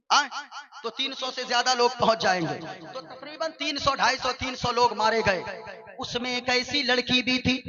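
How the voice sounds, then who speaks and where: A male preacher giving an Islamic sermon, telling a story and acting out its characters with shouts. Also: very high-pitched, muffled recording. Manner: animated, acts out king and minister with shouts.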